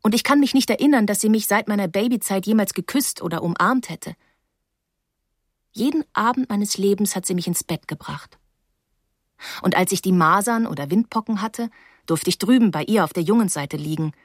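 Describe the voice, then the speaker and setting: A woman narrating an audiobook in an expressive, reflective storytelling manner. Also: mid-range voice, normal speed, dry recording, clean studio sound. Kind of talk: audiobook reading.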